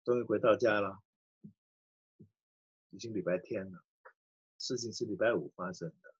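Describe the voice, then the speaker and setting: A middle-aged man, a pastor, telling a personal story in a sermon with a husky voice. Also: on the low side, moderate pace, lo-fi sound. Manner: animated storyteller acting out quoted voices.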